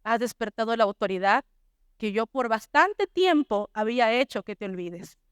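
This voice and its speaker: An angry male demon taunts in a low, slow, resentful way, put on by a woman retelling a dream. The voice dips below her naturally high register, and the sound is dry and close. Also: animated, smooth, no echo, close to an everyday voice.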